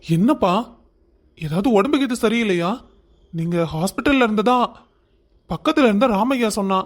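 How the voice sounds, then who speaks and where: A man voices a warm-hearted old father-in-law, gentle, high-pitched for a man. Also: expressive, normal speed. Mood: reassuring. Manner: gentle, reassuring. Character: kind elderly father-in-law, gentle and protective.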